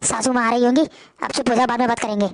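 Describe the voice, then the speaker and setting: A woman's voice: on the high side, fairly even intonation, quick pace, a little hiss or hum, voice pushed down, close to an everyday voice. Woman playing a resigned elder daughter-in-law.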